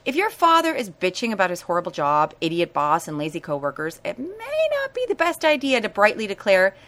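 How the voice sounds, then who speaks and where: A woman giving blunt, sassy self-help advice in an animated way. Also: mid-range voice, fairly quick.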